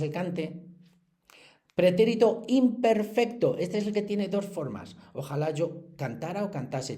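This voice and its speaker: A middle-aged man leads a lesson review, his voice mellow and warm and pitched a little high. He explains patiently and recites examples in a sing-song list. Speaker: teacher.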